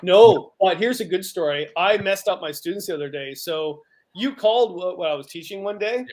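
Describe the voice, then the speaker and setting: A middle-aged man from Canada, a guest on a video call, telling stories in an animated, joking way. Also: high voice, normal speed. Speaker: guest, outdoor writer and teacher. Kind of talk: casual video-call chat.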